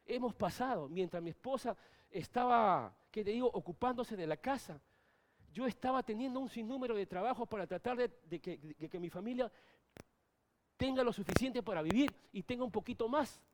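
A middle-aged male pastor preaching a sermon, moving between soft asides and loud, emphatic peaks. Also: high-pitched, animated, normal speed.

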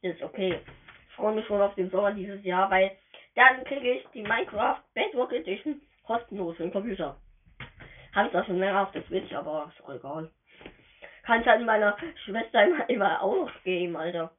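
A woman giving casual, excitable let's-play commentary as she plays, chatty and slangy, often tripping over her words. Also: mid-range voice, a little fast. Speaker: gamer narrating her play. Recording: tinny phone-quality voice message.

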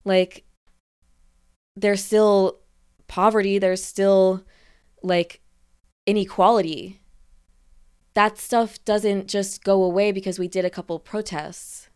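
A young woman holds a casual, rambling rant, frustrated and a little out of breath, laughing between her points. Her voice is smooth and clear, pitched at a middling height. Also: steady tone, slow pace, long pauses, a little mellow. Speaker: freelancer venting on camera.

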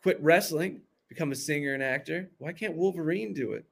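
A man's voice: fairly high pitch, a little fast, creaky, slightly rough. Rambling man comedian telling stories. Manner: rambling, many restarts, laughs at own stories. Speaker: comedian guest. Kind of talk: casual podcast storytelling.

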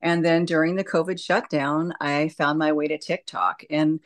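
A woman with a distinctly low-pitched voice speaks as an interview guest. She explains things in a reflective, conversational way, like a nurse educating listeners. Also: fairly even intonation, normal speed.

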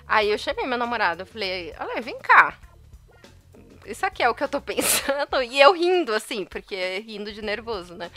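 A young woman tells a story in an animated, chatty way, laughing often and acting out the back-and-forth. Her voice is bright and sits a little high. Soft music plays faintly behind her. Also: fairly quick, hardly any pauses. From Brazil. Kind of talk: casual storytelling chat.

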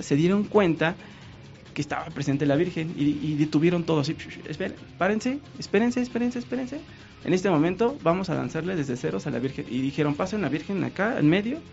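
A man with a Mexican accent tells a long story as a guest, acting out the voices of the people he met in a lively way. His voice sits a little high for a man. The audio is muffled and lo-fi, with faint music underneath. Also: gravelly. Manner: animated, acts out quoted dialogue. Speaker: guest painter. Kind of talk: casual storytelling.

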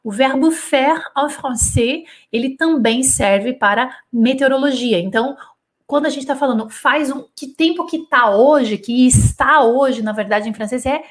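In this live French dictation class, a high-pitched female teacher speaks at a measured pace. Patient and animated, she alternates Portuguese and French examples and keeps asking her students "né?" or "d'accord?".

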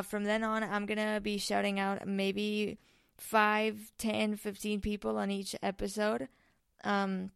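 A teenage girl from Spain chats on her own podcast, rambling and interrupting herself with frequent ums. Her voice is smooth and clear, at an ordinary pitch for a young woman. She sounds a little tired and nervous. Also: a bit bright. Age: late teens. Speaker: podcast host. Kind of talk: casual solo podcast chat.

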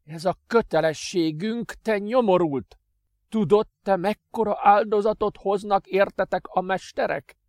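A bitter, hateful young master who is already wasting away, as a man puts him on in a high, strained voice. He speaks slowly and loudly, full of scorn. The sound is dry and close. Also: no echo, close to an everyday voice. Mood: furious. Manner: shouting, slow and scornful.

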